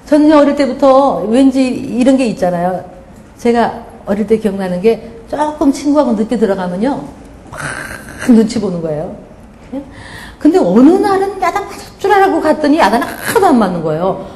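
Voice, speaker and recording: A woman's voice: on the high side, moderate pace. A middle-aged woman pastor giving a sermon, telling stories and acting out scolding voices. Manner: animated storytelling, acts out scolding voices. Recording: echoey hall, faint background noise.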